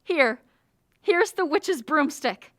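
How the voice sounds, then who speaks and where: A woman's voice: sits high, lively intonation, slow, a bit bright, no echo, clean studio sound, heavily acted. A teenage girl playing an innocent, earnest young girl in a stage play, pleading and good-hearted. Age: teens. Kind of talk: high school stage play acting.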